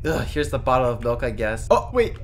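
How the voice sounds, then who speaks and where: A woman narrating a Minecraft role-play, excitable and full of yelps and exclamations. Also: very deep voice, fairly quick, faint music behind.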